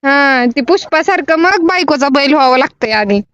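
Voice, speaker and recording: Woman, very high voice, Marathwada Marathi accent, cheeky scolding prank-call banter, dry lo-fi recording. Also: lively intonation, moderate pace, fairly bright tone, no echo. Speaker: prank caller, vlogger.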